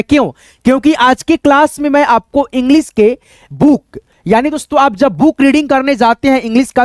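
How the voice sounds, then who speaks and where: A man's voice: very high-pitched, no room sound, studio quality. A man giving an online pronunciation lesson, spelling words out letter by letter, repeating each one, and constantly addressing his viewers as friends. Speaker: English teacher.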